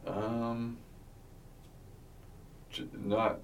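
A man answering questions as a witness, halting and unsure, often restarting his sentences. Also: mid-range voice, level tone, gravelly. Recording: distant mic with faint noise.

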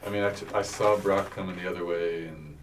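A man answering questions as a witness, halting and unsure, often restarting his sentences. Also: low voice, steady tone. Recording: distant mic with faint noise.

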